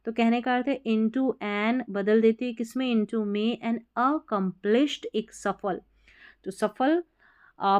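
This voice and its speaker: A woman's voice: medium pitch, clean tone. A woman teaching English spelling and reading, spelling words out letter by letter, then explaining their meanings.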